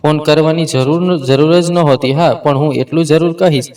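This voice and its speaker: A man voicing a kind but firm older neighbor woman who gently scolds and advises. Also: fairly high pitch, fairly even intonation, normal speed, far from the mic, natural voice, poor audio. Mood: admonishing. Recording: voice set back from the mic.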